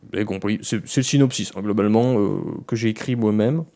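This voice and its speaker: A man's voice: lowish voice, quick pace, mellow. A man giving a casual, rambling spoken review of anime, talking straight to his viewers with lots of fillers and restarts. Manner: addresses viewers directly.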